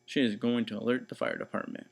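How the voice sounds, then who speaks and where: A man's voice: mid-range voice, sing-song, fast, creaky. A man voicing an emphatic husband with shaky confidence in a children's storybook. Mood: declarative. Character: husband who declares things with shaky confidence.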